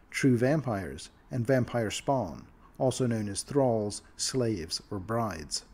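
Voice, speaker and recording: A man's voice: medium pitch, darkish tone. Solemn man narrating, documentary style. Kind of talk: scripted lore narration in a nature documentary manner.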